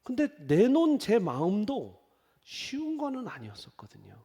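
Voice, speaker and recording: High, lively male pastor in a reverberant hall. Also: moderate pace, slightly rough. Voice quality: lively storytelling with quoted voices. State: on crutches after leg surgery. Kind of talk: sermon. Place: church sanctuary.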